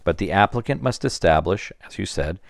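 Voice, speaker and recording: A man's voice: deep voice, animated, fairly quick, creaky, dry recording, clean studio sound. A man who is a criminal defence lawyer, reading out court rulings steadily in formal legal phrasing during a discussion.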